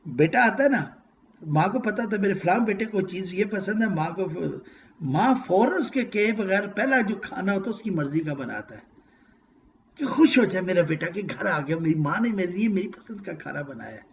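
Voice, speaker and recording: Guy preaching a quran lecture, high voice that swings all over, kinda dull recording w faint hiss. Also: lively intonation. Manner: emotional, swings from loud to hushed, quotes verses in Arabic. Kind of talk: religious lecture.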